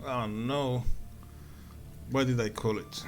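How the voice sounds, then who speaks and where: A man streams live gameplay, joking with chat and thinking aloud about his moves as he plays. His medium-pitched voice is steady and slow. Background noise can be heard.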